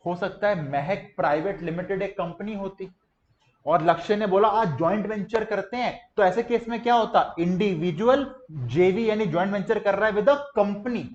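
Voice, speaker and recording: A young man teaches a class with high-pitched energy, drilling students with call-and-response and gestures. He keeps the mood playful while teaching the material. The recording sounds slightly dull and muffled. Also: moderate pace. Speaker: commerce teacher. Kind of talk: classroom lecture.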